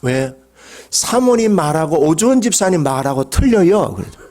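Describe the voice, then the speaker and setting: A middle-aged man preaching a Sunday sermon as pastor, dropping to quiet asides and rising to emphatic calls, often asking the congregation questions. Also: very animated, moderate pace. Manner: swings between low quiet asides and raised emphatic calls.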